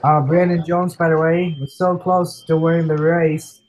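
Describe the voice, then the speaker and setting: A man's voice: fairly high pitch, level tone, moderate pace, darkish tone, low-quality recording. A sick man hosting an online racing show, casually reading through race results and chatting with co-hosts. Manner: reads results lists, loose and chatty. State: sick, coughing. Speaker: podcast host. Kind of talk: casual sim-racing recap chat.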